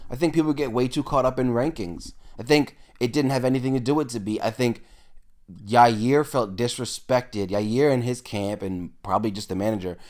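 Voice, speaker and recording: A man's voice: mid-range voice, a little mellow. A man co-hosting a casual sports podcast, stating his opinions with confidence. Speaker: podcast co-host.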